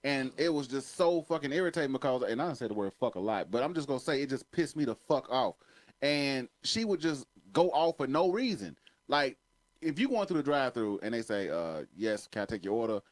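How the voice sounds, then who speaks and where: Man, young adult, casual comedy chat, swears a lot, acts out quotes, animated pitch. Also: brisk. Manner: profane storytelling, acts out quoted voices. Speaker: podcast host.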